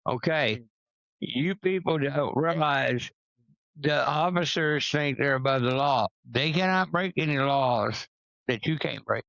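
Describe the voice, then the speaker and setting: Man, gravelly, blunt, preachy, casual chat, lo-fi. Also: mid-range voice, a little slow, fairly bright tone, dry recording. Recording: dull, lo-fi sound.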